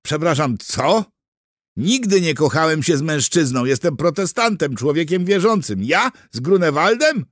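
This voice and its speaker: A man voicing a frightened, maimed German policeman who pleads in a high, panicky voice. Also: animated, moderate pace, dry recording, studio quality. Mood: frightened pleading. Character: frightened one-armed one-legged German policeman.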